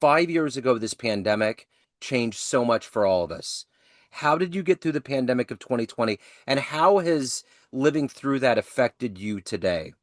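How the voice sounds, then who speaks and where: A man hosting an interview, asking upbeat and measured questions. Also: medium pitch, animated, no echo, clean studio sound. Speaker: podcast host.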